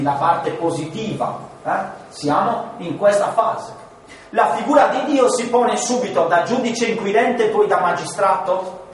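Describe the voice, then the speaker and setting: A man teaching a class on Genesis, animated and full of rhetorical questions, sometimes acting out voices. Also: sits high, a little hiss or hum. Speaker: Bible teacher. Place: large room with listeners. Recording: echoey hall, distant mic.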